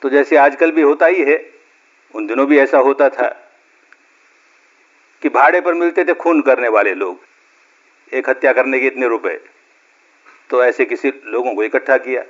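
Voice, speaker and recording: A man's voice: mid-range voice, moderate pace, long pauses. Man telling a spiritual parable, lo-fi. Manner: folksy storytelling, acting out dialogue. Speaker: meditation teacher. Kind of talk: spiritual discourse with storytelling. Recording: dull lo-fi recording.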